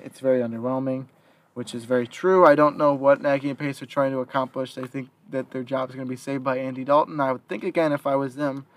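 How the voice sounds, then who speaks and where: A young man hosting a casual sports talk, reading out quotes and then giving his opinion with some hesitation. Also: medium pitch. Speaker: podcast host.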